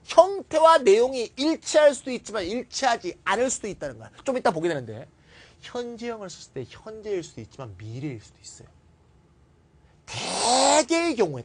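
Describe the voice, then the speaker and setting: A male grammar teacher gives a classroom lecture with a lively, swooping voice that rises and falls. He poses questions and answers them himself, and slips into blunt, scolding rants. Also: high-pitched, gravelly.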